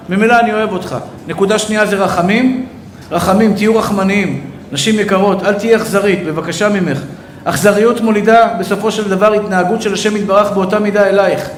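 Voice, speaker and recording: Man, rabbi, emotional sermon, high voice, echoey hall with faint background noise. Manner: warm, emotional, addresses listeners as brother. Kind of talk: sermon to a live audience.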